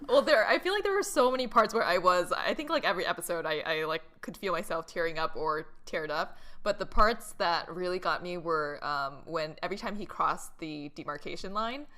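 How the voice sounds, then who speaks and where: A woman's voice: lowish voice, brisk, few pauses. A young woman co-hosting a podcast, giggling as she retells scenes in a casual chat. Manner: giggly, animated retelling with quoted lines. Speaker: podcast co-host.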